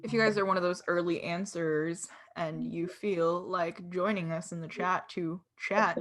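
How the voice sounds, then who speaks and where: A woman's voice: lowish voice, steady tone, unhurried. A young woman hosting an online trivia game on a video call, chatty and giggly, with lots of filler words. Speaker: webinar host. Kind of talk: casual chat running online trivia.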